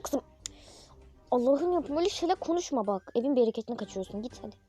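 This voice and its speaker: A girl voicing a fussy, caring mother in a toy role-play, sweetly doting but quick to scold. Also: sits high, animated, over loud music, voice pushed up. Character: fussy caring mother, middle-aged woman.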